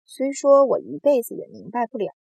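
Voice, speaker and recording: A woman voicing a kind, gentle female ladybird in a storybook reading. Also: a little high, big pitch swings, a little fast, breathy edge, no echo, voice pushed up, heavily acted. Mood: kindly.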